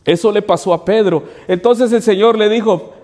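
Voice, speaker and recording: Male pastor, high pitched, sermon delivery with lots of rhetorical questions, long reverb of a church hall. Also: moderate pace, darkish tone. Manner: preaching with repeated "hermanos" asides and rhetorical questions.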